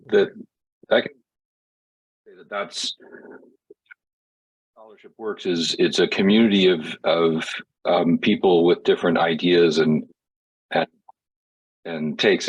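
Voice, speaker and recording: A man with a very low, husky voice talks in halting, restarting phrases over a video call. The audio keeps cutting out and jumps up and down in volume. The sound itself is dry, with no room around it. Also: steady tone, no room sound, low-quality recording. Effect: audio cutting out, uneven volume. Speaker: historian on a panel.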